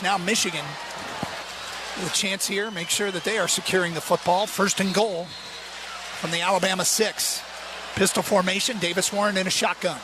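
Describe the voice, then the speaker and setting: A man's voice: high voice, noisy background. A man calling live football play-by-play in clipped, present-tense phrases. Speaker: play-by-play announcer.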